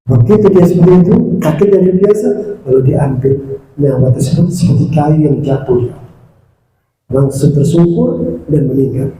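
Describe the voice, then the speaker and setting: A man preaching a storytelling sermon in a prayer hall, dramatic, swinging between low hushed and high raised delivery. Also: normal speed. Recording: echoey prayer hall with faint noise.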